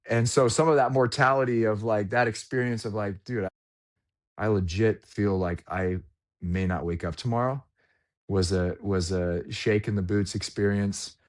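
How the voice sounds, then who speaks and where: Podcast guest, forties male, lower register, earnest and reflective with casual asides. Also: steady tone, moderate pace. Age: 40s. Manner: candid, reflective storytelling with slangy asides.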